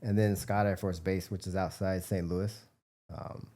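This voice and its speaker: An unhurried Midwestern American man, a biomedical researcher and entrepreneur, is being interviewed as a guest. His voice is lowish, very mellow and relaxed, and his informal explanations meander.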